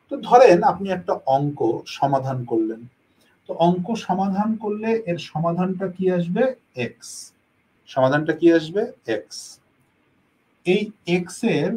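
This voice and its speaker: A man's voice: sits high, a little mellow, husky, poor audio. A man teaching a math lesson, explaining step by step and answering his own questions.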